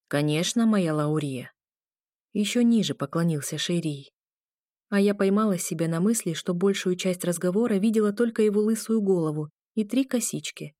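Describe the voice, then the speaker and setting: Low-voiced woman narrating a fantasy audiobook. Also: mellow, no room sound, clean studio sound.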